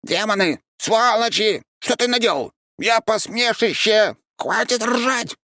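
A man's voice: fairly high pitch, very animated, normal speed, vocal fry, a bit bright, dry recording, clean studio sound, pitched above the performer's own voice, full character voice. A man voicing a small, haughty male demon creature that poses as a cat, shrieking insults in a storybook reading. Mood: shrieking, indignant.

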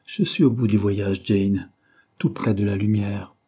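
A man voicing a devout dying father in an audiobook, weak and breathless, speaking in halting, solemn phrases that sometimes drop to a whisper. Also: lowish voice, steady tone, mellow, husky.

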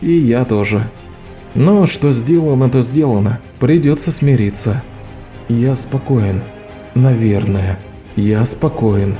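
A man voicing Locke, a wily adult male con man who talks in a wry, quiet way. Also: medium pitch, slow, faint music behind, lightly acted. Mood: tender.

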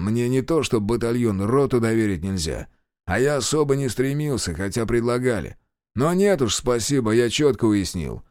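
A man's voice: medium pitch, darkish tone, no echo, studio quality, natural voice. A man reading as a bitter, weary war pilot. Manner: slow, gruff, bitterly candid. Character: weary wounded middle-aged male pilot, bitter.

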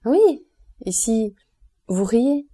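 A woman's voice: fairly high pitch, very animated, very slow, dark tone, breathy edge, pitched above the performer's own voice, exaggerated voice. A woman voicing an impulsive, grieving young man in an audiobook, speaking in a raised, emotional, exclaiming way. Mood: ardent.

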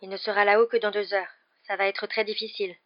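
A woman's voice: medium pitch, level tone, fast, highs cut off, lightly acted. A woman voicing an anxious, clever teenage girl who speaks with urgency.

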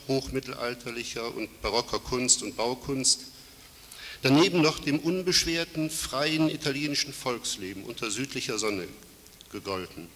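Still fighting a cold, the conference speaker delivers his formal academic remarks in a bright, forceful, mid-range voice, with plenty of fillers and self-corrections. The recording from the reverberant hall carries noticeable hiss.

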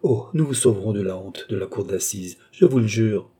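A man's voice: lowish voice, moderate pace, dark tone, husky. A man reading the part of a remorseful young woman, pleading with emotion in a storybook reading.

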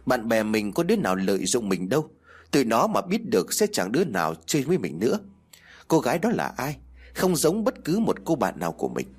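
A man's voice: medium pitch, wildly swooping pitch, brisk, darkish tone, husky. A man playing a carefree young student. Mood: puzzled. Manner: casual, pleading, talks to his dog. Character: carefree young male student, the drinking hero.

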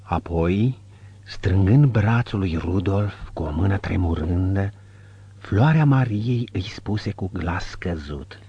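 A man narrating an audiobook in a measured, descriptive reading. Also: low voice, lively intonation, gravelly, mellow, husky, muffled recording. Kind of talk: scripted narration.

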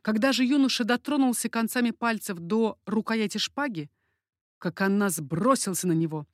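A woman reads a historical novel aloud with steady, expressive storytelling. Her voice sits in a middle range. The recording is dry and close. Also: mid-range voice, normal speed, dry recording. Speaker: audiobook narrator. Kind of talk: dramatic audiobook narration.

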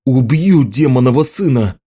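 Man doing a gruff burly young woodcutter. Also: medium pitch, lively intonation, normal speed. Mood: angry. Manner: gruff, growling shouts. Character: burly young male woodcutter, blunt and defensive.

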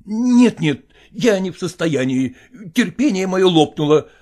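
A man's voice: high voice, big pitch swings, measured pace, darkish tone, voice pushed up. A man voicing an irritable, harassed middle-aged husband and father, talking in an exasperated, firm and pleading way.

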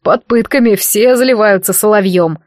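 A woman reading an audiobook voices a burly male guard who mocks and bullies his captive in a gruff, rough way, recorded close and dry. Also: mid-range voice, normal speed, darkish tone, no room sound, lightly acted. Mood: mocking. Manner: gruff, jeering. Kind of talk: audiobook character voice.

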